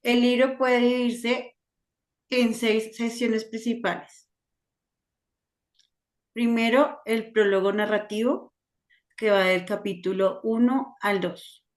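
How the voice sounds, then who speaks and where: A woman reading a lesson outline aloud in a Bible class, measured and even. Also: on the high side.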